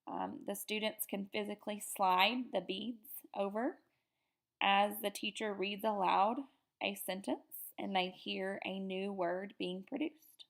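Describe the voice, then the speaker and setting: Slow, gravelly woman presenting slides. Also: mid-range voice, fairly even intonation. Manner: upbeat, lots of fillers. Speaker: teacher educator. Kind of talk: presentation lecture over slides.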